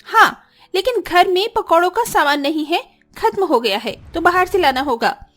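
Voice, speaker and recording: A shrill, taunting young sister-in-law, as a woman voices her for a cartoon story, pitched high and swinging wildly up and down. She sneers and bosses, full of spite and arrogance. Soft music plays underneath. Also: expressive, normal speed. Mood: bossy.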